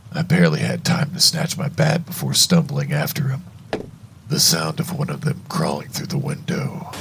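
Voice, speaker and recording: A man narrating a first-person horror story in a hushed, deliberate, suspenseful way, with a gravelly voice. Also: a bass voice, background noise.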